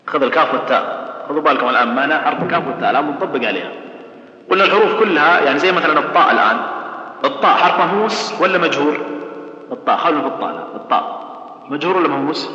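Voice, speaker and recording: A man's voice: a little high, bright, forceful tone. A man teaching tajweed, who repeats sounds and questions his students. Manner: explains patiently, repeats sounds and asks the class questions. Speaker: Quran recitation teacher. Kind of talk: tajweed lesson. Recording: echoey hall, dull sound.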